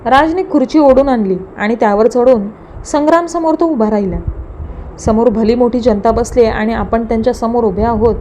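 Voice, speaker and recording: A woman narrating a serialized romance story in a calm, expressive manner. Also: fairly high pitch, normal speed, a little hiss or hum. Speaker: audiobook narrator.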